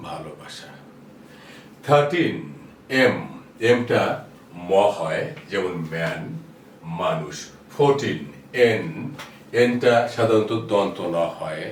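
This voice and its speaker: A man explaining how English letters are pronounced, patiently repeating example words. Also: fairly low pitch. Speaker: English teacher. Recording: roomy echo, distant mic, faint noise.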